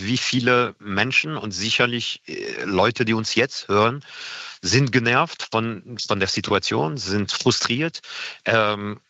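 A middle-aged man with a French accent talks earnestly in an interview, pausing often and filling gaps with hesitations. His voice sits low but sounds bright and forceful. The recording is dull and lo-fi. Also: no echo. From France. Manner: earnest, hesitant with many fillers. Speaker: guest. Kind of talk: radio interview.

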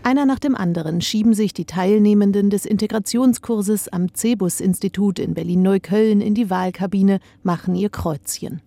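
A woman's voice: mid-range voice, moderate pace, creaky, hardly any pauses, dark tone. A woman reporter reading a scripted radio feature narration.

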